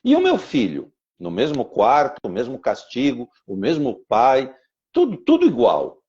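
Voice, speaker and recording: Animated male teacher, dull lo-fi sound. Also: mid-range voice, a little slow. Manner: animated, repeats phrases in rhythmic cycles. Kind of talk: podcast talk with a personal story.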